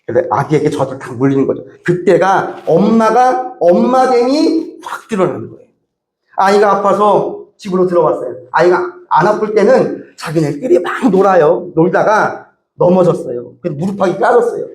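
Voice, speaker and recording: A high-voiced male pastor preaching in an echoey church, his pitch swinging widely. He acts out pleading prayers as he goes, in a lively, animated way. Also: moderate pace. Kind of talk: sermon. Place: church sanctuary.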